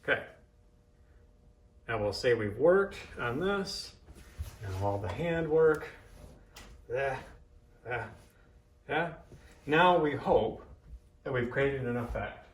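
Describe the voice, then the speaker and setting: A man's voice: medium pitch, expressive, slow, pauses often. A man giving an informal hands-on demonstration as an instructor, thinking aloud and coaching in short cues. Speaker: massage therapist and instructor. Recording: echoey room, distant microphone.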